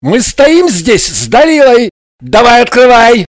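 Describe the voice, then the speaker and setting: A man voicing a hot-tempered young man who shouts and barks, a little away from the mic. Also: very high-pitched, huge pitch swings, a little slow, dry recording, clean studio sound, pitched above the performer's own voice, exaggerated voice. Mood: furious. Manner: shouting, barking.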